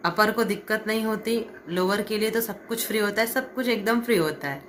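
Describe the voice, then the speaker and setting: Woman, mid-pitched, chatty and homely, casual living-room vlog, faint noise. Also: brisk, fairly bright tone. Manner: chatty, homely, talks over tea about chores. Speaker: vlogger, co-host. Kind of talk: casual home chat.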